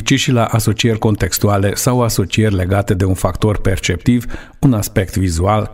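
Man, 30s, lecturer, low-pitched voice, measured studio course narration. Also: a little mellow. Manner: measured, explanatory delivery. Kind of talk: scripted online lecture.

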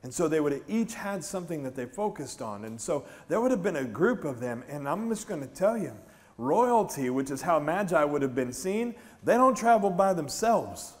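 A middle-aged American pastor, his voice fairly high and his speed normal, addresses his congregation from a large indoor church stage. He keeps the sermon conversational, animating the story and posing questions to the listeners.

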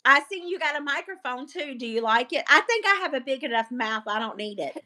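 A woman's voice: sits high, expressive, a little fast, pushed and bright. A woman in her forties co-hosting a casual live stream from home, playful and teasing, fumbling with the phone app. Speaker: co-host of the live. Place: living room at home. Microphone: phone held at arm's length.

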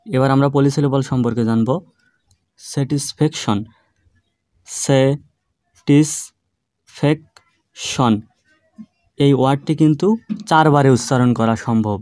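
A man teaching an online grammar lesson, explaining patiently and drawing words out slowly, syllable by syllable. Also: medium pitch, a little mellow, no echo. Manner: slow, drawn-out syllable-by-syllable demonstrations; patient, explanatory classroom delivery.

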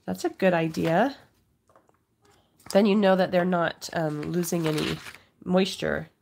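Woman, middle-aged, slightly low voice, congested from a cold, casual craft tutorial host, some background noise. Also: measured pace, creaky, a little mellow. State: has a cold, occasional cough. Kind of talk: casual craft demonstration to viewers. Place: indoors at a home craft table.

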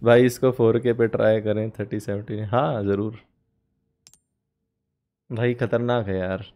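A man giving live gameplay commentary, swinging from casual chat to panicked yelling during fights. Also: fairly low pitch, steady tone, measured pace. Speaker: gaming streamer.

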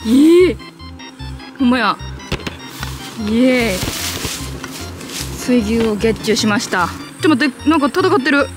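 A woman with a Kansai accent chatting excitably and jokingly while hunting bugs outdoors, sometimes shrieking in fright. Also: on the high side, normal speed, long pauses, over music. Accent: Kansai Japanese. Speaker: vlogger. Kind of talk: casual outdoor bug-hunting vlog.

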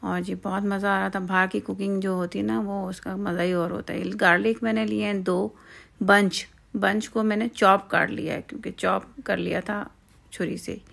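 Gravelly woman talking through a recipe. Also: medium pitch, flat delivery, moderate pace, fairly bright tone. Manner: chatty step-by-step explaining with fillers. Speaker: home cooking channel host. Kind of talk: casual cooking tutorial. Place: outdoors at night, cooking.

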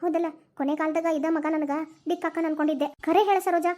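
A woman's voice: sits high, steady tone, fast, a little mellow, close to an everyday voice. A woman voicing a grieving old mother-in-law in a cartoon, plaintive, in a Dharwad Kannada accent. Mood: sorrowful. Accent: North Karnataka Dharwad Kannada. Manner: lamenting, plaintive dialect storytelling. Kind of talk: cartoon voice acting.

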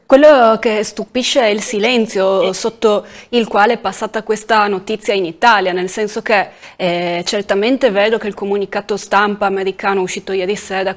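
A woman hosting a news interview, asking her questions in a measured, formal way. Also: medium pitch.

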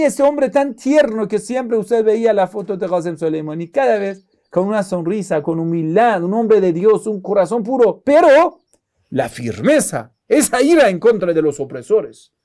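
A man's voice: high-pitched, lively intonation, normal speed, warm tone. A man giving a religious lecture, preaching emphatically and rising sharply on key words, with Arabic verses recited in a chanting tone.

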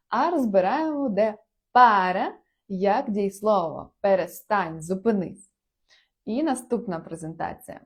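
A woman's voice: mid-range voice, darkish tone, slightly rough. A woman teaching a live-streamed language lesson in a chatty way, checking often that her viewers follow. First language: Ukrainian. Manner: chatty, repeats "так?" to check understanding.

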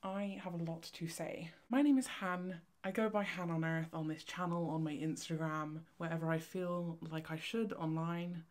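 A young woman from Cornwall with a Cornish accent, chatting to camera in a fast, chaotic, excitable vlog ramble. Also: lowish voice. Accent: Cornish English. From Cornwall, England. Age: young adult. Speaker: vlogger, photography student. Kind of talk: casual vlog chat to camera. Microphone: camera on tripod.

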